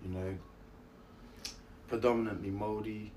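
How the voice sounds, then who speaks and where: A man with a fairly low voice and a broad New Zealand accent tells stories in casual interview chat. He is relaxed in manner, slangy and self-deprecating. Some ambient noise sits behind him. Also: moderate pace. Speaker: interview guest, actor and musician.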